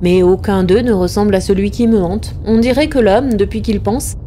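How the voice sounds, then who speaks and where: A woman's voice: mid-range voice, moderate pace, warm tone, a little hiss or hum. A woman giving a dramatic reading of a classic tale, impassioned and rising to anguished cries in the tense passages. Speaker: reader.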